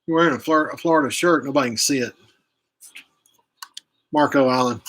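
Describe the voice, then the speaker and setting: A man's voice: medium pitch, a little fast, fairly bright tone. A man hosting a live stream outdoors, chatting casually and rambling, often stopping to correct himself. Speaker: host of a live outdoors channel. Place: outdoors, chilly. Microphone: camera he angles himself.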